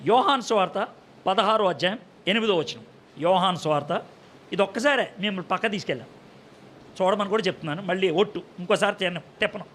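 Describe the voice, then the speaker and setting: High-pitched, bright-voiced man preaching. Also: slight background noise. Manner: asks the audience questions and answers them; acts out short voices for a story with humor. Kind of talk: sermon.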